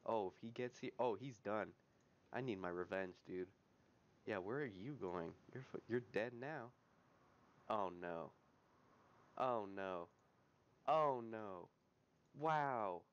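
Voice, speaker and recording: A young man giving live gameplay commentary, swinging from low muttering to loud yelling, swearing and repeating words in bursts. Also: lively intonation, takes it slowly, pauses often, lo-fi sound. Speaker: gaming YouTuber.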